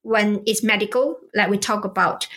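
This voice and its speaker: A woman's voice: mid-range voice, fairly even intonation, normal speed, fairly bright tone. Woman from Malaysia, podcast guest, conversational explainer, rhetorical questions, fillers. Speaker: guest expert on cross-cultural business.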